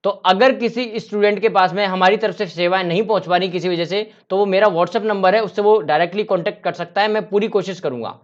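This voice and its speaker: A man's voice: sits high, quick pace, hardly any pauses. A man teaching civil engineering in a casual online lecture, asking and answering his own questions. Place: home room during a power cut. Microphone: laptop. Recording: slightly dull lo-fi audio.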